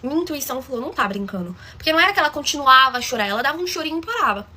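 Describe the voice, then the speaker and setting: Woman spilling a story, talks super fast, kinda high voice, dramatic and chatty. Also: expressive, pushed and bright. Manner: dramatic, chatty, addresses listeners directly. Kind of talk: casual storytime.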